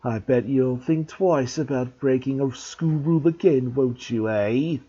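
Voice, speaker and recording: A man voicing a bullying old male school caretaker, drawn-out and cackling with nasty glee in a husky tone, on a dull lo-fi recording. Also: medium pitch, warm tone. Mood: gloating.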